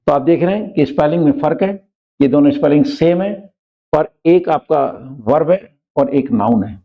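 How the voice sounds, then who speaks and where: A man with a gravelly, slightly raised voice teaches English vocabulary in Hindi, slowing right down to read each English example. The recording sounds dull and lo-fi. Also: on the high side, lively intonation. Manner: explains in Hindi, reads English examples slowly and deliberately. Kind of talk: vocabulary lesson.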